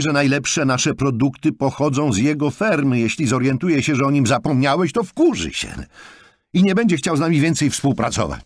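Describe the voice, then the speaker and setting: Male narrator as a bossy, exasperated chef; pitched up, snapping, raspy edge. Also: dry recording, studio quality.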